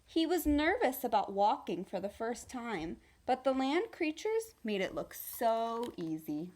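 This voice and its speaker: In the style of a teacher, a woman whose voice is on the high side reads a children's storybook aloud with expressive, deliberate storytelling.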